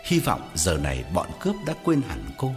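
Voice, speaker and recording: Lively man narrating a ghost story. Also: sits low, moderate pace, music in the background. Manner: expressive storyteller. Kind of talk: dramatic horror story narration.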